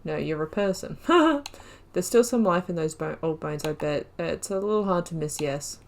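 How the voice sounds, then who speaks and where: A gaming YouTuber thinks out loud through a casual let's play, using plenty of fillers as she picks dialogue options. Her voice sits low and is expressive, with vocal fry and a moderate pace.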